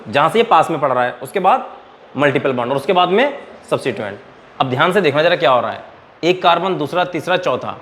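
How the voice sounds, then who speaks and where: Male chemistry tutor, classroom lecture, slightly raised pitch, quizzing students, quiet background noise. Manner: quizzes students and answers his own questions; calls students "beta". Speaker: chemistry teacher.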